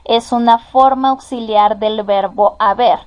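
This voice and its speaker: A woman with a Mexican accent giving a slow, careful lesson, patiently repeating each example sentence. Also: on the high side, steady tone, darkish tone. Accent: Mexican Spanish. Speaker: teacher. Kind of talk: slow, careful classroom explanation.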